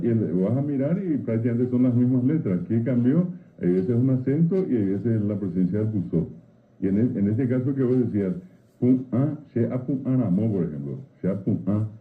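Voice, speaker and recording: A man talks on a radio show, explaining words in a patient, teacherly way. He fills his pauses with many hesitant "eh"s, and his voice sits fairly low. The sound is thin and tinny, like a phone line. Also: roomy sound. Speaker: Guarani language expert guest.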